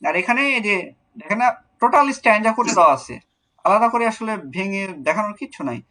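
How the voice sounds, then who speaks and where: Bright-voiced Bangladeshi male teacher. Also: sits high, lively intonation, fast, poor audio. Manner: explains step by step, repeats words, asks rhetorical questions. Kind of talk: online class lecture with Q&A.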